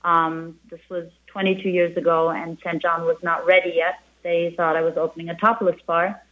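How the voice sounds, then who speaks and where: A middle-aged German woman, a native German speaker who owns a restaurant, chats as an interview guest at a normal speed. Her lowish voice has a flat delivery, and she restarts often and says "you know" a lot. The audio sounds narrow-band, like a phone line.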